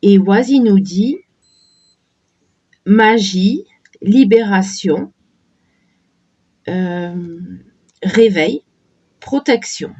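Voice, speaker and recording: A woman with a cold and a sore throat, slowly and hesitantly chatting while showing a deck of oracle cards. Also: medium pitch, dark tone, lo-fi sound. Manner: slow, hesitant, many fillers and restarts. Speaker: tarot and oracle card reviewer. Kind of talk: casual unboxing chat.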